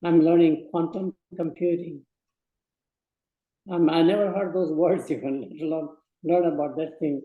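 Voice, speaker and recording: A man in his eighties from Burma, giving slow, measured advice in a speech to students. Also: on the high side, steady tone, roomy sound, phone-quality sound. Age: 80s. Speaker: guest speaker.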